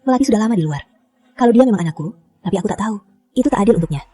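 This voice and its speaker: A woman's voice: mid-range voice, animated, dark tone, natural voice. An actress dubbing a middle-aged mother who scolds her sons and gives firm orders. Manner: brisk, scolding, commanding. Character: middle-aged mother, sharp-tongued and decisive. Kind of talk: dubbed short-drama acting.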